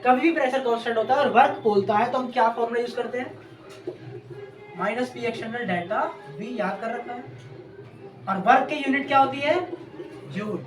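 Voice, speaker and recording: A woman's voice: on the high side, a little fast, long pauses. Lady teaching chem, keeps asking then answering herself, roomy echo, music in the background. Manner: asks questions and answers them herself; repeats key terms drill-style. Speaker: chemistry teacher. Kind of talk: exam-prep lecture. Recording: echoey room, distant mic, background music.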